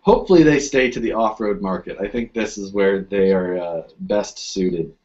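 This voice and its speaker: A man hosting a podcast talks in a lowish voice, rambling and leaning on "you know" as he restarts his sentences. The audio is dull and muffled, like a lo-fi podcast recording. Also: normal speed, a little mellow. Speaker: podcast host. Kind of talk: casual chat.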